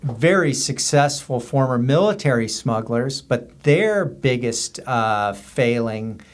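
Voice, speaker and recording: Here a man from the US border region, guesting on a podcast, shares loose, rambling stories without a script. His mid-range voice moves slowly but with lively intonation, looping through details and examples as he goes.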